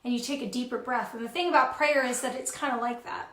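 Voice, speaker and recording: High-voiced encouraging woman, roomy sound. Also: fairly even intonation, fast, a bit bright. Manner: encouraging, builds emphasis through repeated phrases. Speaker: co-host. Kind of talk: motivational pep talk.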